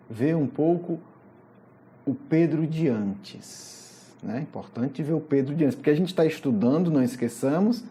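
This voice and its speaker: A spiritist lecturer with a Brazilian Portuguese accent, retelling a Gospel story in an animated, storytelling way and often adding questioning asides. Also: mid-range voice.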